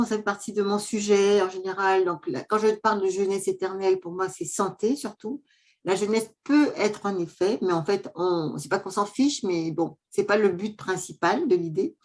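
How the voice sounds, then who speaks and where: A woman coach hosting an interview over a video call, chatty and full of fillers. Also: mid-range voice. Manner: chatty, warm welcome, frequent fillers. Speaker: host and coach.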